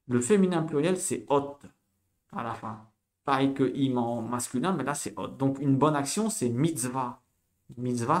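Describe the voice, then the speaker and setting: A man giving a casual spoken lesson, animated and repetitive, spelling out sounds slowly for learners. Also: medium pitch. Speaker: Hebrew teacher.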